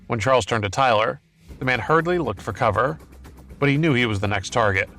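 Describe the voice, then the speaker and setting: A man narrating an action novel as an audiobook in a steady, even storytelling voice. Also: medium pitch, brisk, soft background music.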